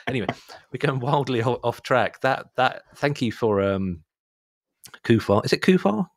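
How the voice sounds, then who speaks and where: A man's voice: mid-range voice, a little slow, no echo, studio quality. A man with a South Suffolk English accent chatting casually as a podcast host, rambling through anecdotes in a jokey, easily amused way. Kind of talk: casual comic chat, telling anecdotes.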